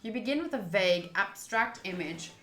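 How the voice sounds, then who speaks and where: A little hiss or hum mixes with faint game music and roomy echo as a woman streams a visual novel. Her mid-range voice is animated and a bit bright at a moderate pace as she reads the text and chats casually with viewers.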